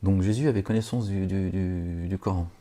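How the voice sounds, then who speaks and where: A man who is not a native Arabic speaker reads scripture aloud as a religious lecturer, wandering into commentary marked by sarcasm and hesitant fillers. He speaks at a normal speed in a low, warm, steady voice.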